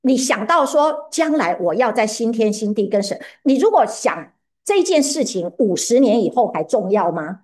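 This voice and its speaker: A woman's voice: a little high, very animated, moderate pace, darkish tone. A woman preaching a sermon who often puts questions to her listeners.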